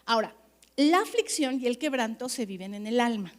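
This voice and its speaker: A woman pastor, preaching at a leaders' conference in an animated, chatty way, often checking that the audience agrees. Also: a little high, brisk.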